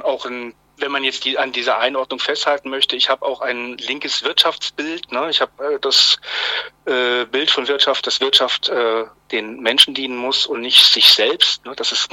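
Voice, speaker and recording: A man's voice: medium pitch, bright, forceful tone, no room sound, poor audio. A man in his fifties from Swabia, a journalist guest speaking on the phone, hesitant with many fillers and restarts. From Germany, Swabia. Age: 50s. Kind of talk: phone interview. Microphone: phone line.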